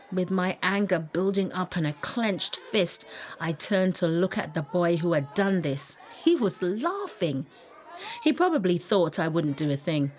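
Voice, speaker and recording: A woman narrating a first-person memoir audiobook, expressive, lifting her pitch at tense moments and laughing softly now and then.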